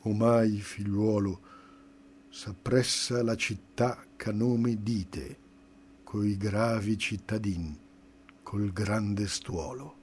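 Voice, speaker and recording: A man voicing a wise, calm older poet who guides and reassures, speaking softly and in a measured way. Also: on the low side, slight background noise. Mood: reassuring.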